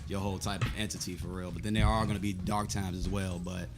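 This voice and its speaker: A young man in his twenties speaks quickly and easily as a guest in a casual interview. His voice sits low, and his speech runs loose and relaxed. Music plays clearly behind him. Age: 20s. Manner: laid-back, keeps saying "most definitely". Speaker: guest artist.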